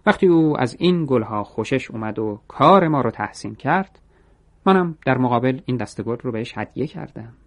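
A man voicing a calm, generous young florist who speaks gently and steadily. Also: medium pitch, lightly acted.

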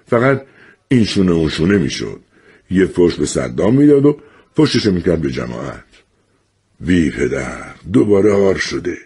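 Brief: male storyteller, husky and expressive, swings widely in pitch and acts out the voices. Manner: lively, acts out the voices of others. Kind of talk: storytelling narration.

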